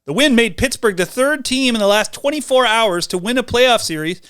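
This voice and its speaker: A man's voice: extremely high pitch, animated, moderate pace, fairly bright tone, smooth, dry recording, studio quality. A man co-hosting a casual sports podcast, reading sports trivia and joking around with his co-hosts. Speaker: podcast co-host.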